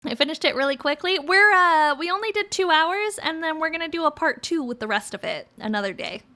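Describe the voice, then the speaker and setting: Cute anime streamer girl, really high voice, reading spooky stuff and chatting on stream. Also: lively intonation, a little fast, bright, forceful tone. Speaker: livestream host. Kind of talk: livestream creepypasta reading and chat with viewers.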